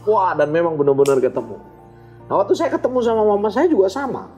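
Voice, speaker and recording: A man as an interview guest, telling a personal story in an expressive, animated way. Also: high voice, fast talker, soft background music.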